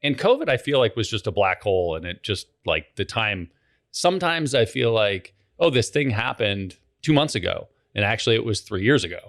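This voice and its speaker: Low-voiced male podcast host. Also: sing-song, moderate pace, a bit bright. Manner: upbeat scripted intro, then casual questions. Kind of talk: interview hosting.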